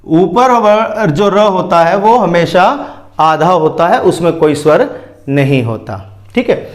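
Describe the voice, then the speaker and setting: Male teacher, high voice, slow and patient, walks children through each step and checks they follow. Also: lively intonation. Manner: slow, patient explaining with frequent questions to pupils. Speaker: Hindi grammar teacher. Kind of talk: classroom lesson.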